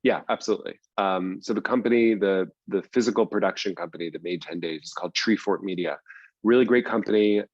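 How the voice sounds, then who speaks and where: A male screenwriter who also produces audio dramas talks through interview answers in an explanatory, conversational style, repeating things for emphasis. His voice sits low and moves briskly. The audio is dull but has no echo.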